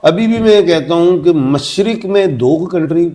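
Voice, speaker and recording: A man's voice: a little high, animated, mellow. Pakistani guy, astrologer, lists off predictions with emphasis. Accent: Pakistani Urdu. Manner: emphatic, declaring, list-like. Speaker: astrologer guest. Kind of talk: interview answers, predictions.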